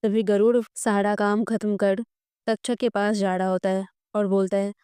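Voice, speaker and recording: A woman's voice: mid-range voice, level tone, normal speed, mellow, clean tone, no echo. A woman narrating a story recap, reading every character's lines in close to her own voice.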